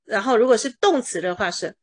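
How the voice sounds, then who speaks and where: Lively-voiced woman English teacher. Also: a little high, a little fast. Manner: explains patiently with everyday examples, drills words. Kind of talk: pronunciation lesson.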